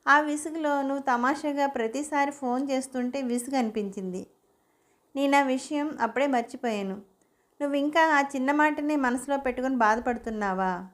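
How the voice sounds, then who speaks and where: A woman's voice: high voice, moderate pace, lightly acted. Woman doing a troubled young husband. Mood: soothing. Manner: soft, pleading.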